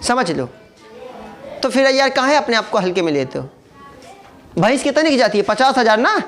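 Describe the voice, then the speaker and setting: A man's voice: extremely high pitch, very animated, normal speed, a bit bright, soft background music. Chatty teacher man. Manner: chatty, asks rhetorical questions, jokes. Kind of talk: informal classroom lecture.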